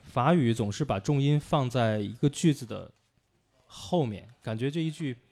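A man's voice: mid-range voice, lively intonation, normal speed, darkish tone. A man co-hosting a livestream about classical music, explaining patiently with frequent hesitations.

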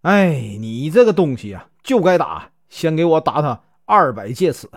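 A man's voice: a little high, big pitch swings, normal speed, dry recording, studio quality. A stern, scolding county magistrate questioning a scholar, as a man puts him on. The voice rises a little and moves a lot. It comes from a spoken folk tale.

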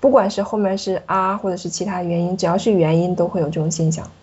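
A woman's voice: lowish voice, fairly even intonation, fast talker, a little mellow, husky, highs cut off. A woman explaining French pronunciation patiently, demonstrating sounds in a lesson. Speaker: French teacher.

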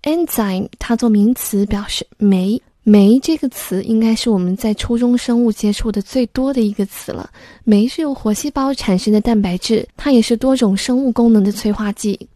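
A woman's voice: a little high, normal speed, few pauses, warm tone, no echo, studio quality. A woman explaining English vocabulary word by word in a patient, step-by-step lesson. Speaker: English teacher.

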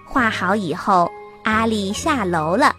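A woman reading a children's story aloud in a gentle storytelling manner. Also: mid-range voice, animated, slow pace, music in the background.

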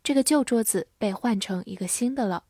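In a scripted English vocabulary lesson, a woman spells each word letter by letter and reads the example sentences slowly. Her voice is on the high side, dark in tone, and husky. The clean studio recording has no room sound.

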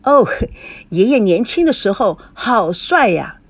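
A woman's voice: a little high, big pitch swings, measured pace, no echo, full character voice. A woman reading an audiobook, voicing a young grandson who dodges and reassures. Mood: curious. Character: young man, grandson, evasive and warm.

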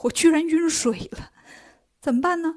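A woman's voice: very high voice, moderate pace, darkish tone, voice pushed up. A woman voicing a young male dragon who talks in a meek, complaining way. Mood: whiny.

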